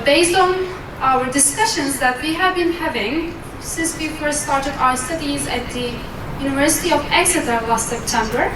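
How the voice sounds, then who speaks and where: A woman from Turkey gives an upbeat, read-out conference presentation. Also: sits high. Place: conference hall. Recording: roomy, distant hall recording with noise.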